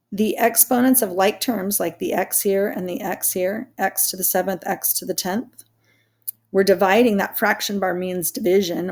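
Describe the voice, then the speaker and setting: A woman with a medium-pitched, relaxed teaching voice that has a creaky, gravelly edge records a walkthrough lesson on a math worksheet. She is chatty and self-deprecating, joking about her own mistakes as she explains each step.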